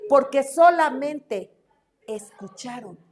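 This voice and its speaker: A woman teaching a church Bible class in a lively way, asking the class questions and acting out quotes. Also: sits high, takes it slowly. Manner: animated, asks the class questions, acts out quotes.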